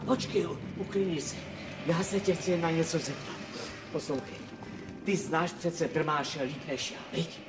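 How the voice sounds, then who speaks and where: A man's voice: on the high side, fairly even intonation, recorded from a distance, over music, close to an everyday voice. A man playing a fretful lord of hell.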